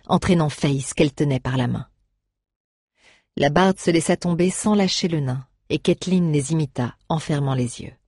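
Low, husky woman storyteller. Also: a little mellow, no echo, studio quality. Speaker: audiobook narrator. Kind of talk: scripted storybook narration.

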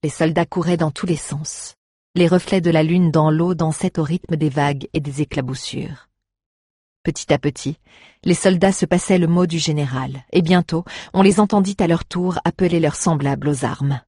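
A narrator reading an adventure story aloud in a steady, dramatic way. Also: medium pitch, normal speed, breathy edge, no room sound, studio quality. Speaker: audiobook narrator.

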